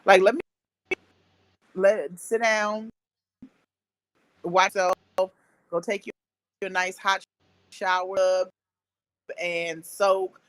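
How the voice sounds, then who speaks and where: Woman on a bad video-call connection, slow. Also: medium pitch, steady tone, fairly bright tone, no room sound. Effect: bad connection, voice cutting in and out. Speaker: guest. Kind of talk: casual interview over a video call.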